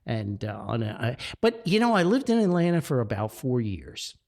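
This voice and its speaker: This podcast host has a mid-range, darkish voice with big pitch swings, delivered at a normal speed. Running a chatty solo show with sponsor reads, he rambles in a folksy, jovial manner, full of exclamations and frequent chuckles.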